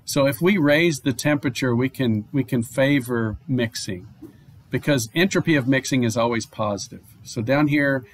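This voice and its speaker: A male chemistry professor giving a recorded online lecture, explaining at a steady pace with fillers, restarts and "okay?" checks. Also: mid-range voice, normal speed, a little hiss or hum. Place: home or office, online lecture.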